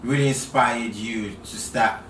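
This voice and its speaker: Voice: medium pitch, steady tone, measured pace, fairly bright tone. A podcast host asking interview questions in a playful, casual way. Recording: roomy, distant mic, faint noise.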